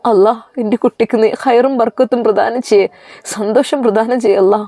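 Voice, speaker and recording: A woman's voice: fairly high pitch, steady tone, a little fast, mellow, dry recording, studio quality, voice pushed up. A woman voicing a tearful, praying old mother. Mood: tearful pleading. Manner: sobbing, pleading prayer.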